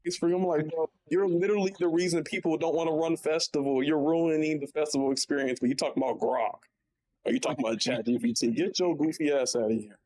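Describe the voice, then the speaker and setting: Ranting young man, fairly high voice. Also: fairly even intonation, fast, darkish tone. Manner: heated, ranting, profane. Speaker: podcast co-host. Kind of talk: casual gaming podcast chat.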